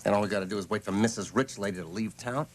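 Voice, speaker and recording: A smug crook on worn tape. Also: male voice, lowish voice, racing. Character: scheming adult male crook. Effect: worn videotape copy. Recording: hissy worn VHS tape copy.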